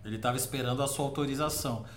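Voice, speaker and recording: A woman interviewer with a notably low voice steers the conversation. She asks her follow-up questions quickly and keeps her prompts short. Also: crowd noise.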